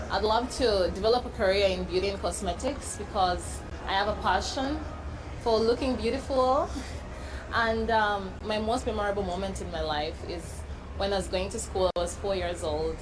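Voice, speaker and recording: A twenty-one-year-old woman from Uganda, giving a confident, rehearsed pageant self-introduction. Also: mid-range voice. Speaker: pageant contestant. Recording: noticeable background noise.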